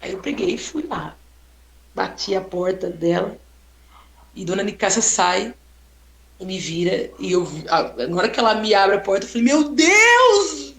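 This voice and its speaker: A woman photographer telling a story in a casual, expressive way, exclaiming often and tagging sentences with "né?". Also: mid-range voice, normal speed, creaky, pauses often. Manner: expressive, exclaiming, frequent "né?" tags. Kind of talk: casual storytelling on a live stream. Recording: roomy echo.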